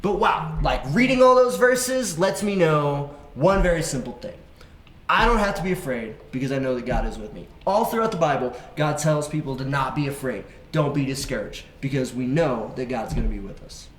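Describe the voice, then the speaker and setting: A man hosting a children's faith show, chatting playfully with a young co-host and telling stories in an animated way. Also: fairly high pitch, moderate pace, echoey room, slight background noise. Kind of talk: casual chat with a young co-host.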